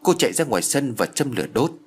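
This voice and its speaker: Husky male narrator, dramatic audiobook read. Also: mid-range voice, big pitch swings, fast talker. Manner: dramatic storytelling.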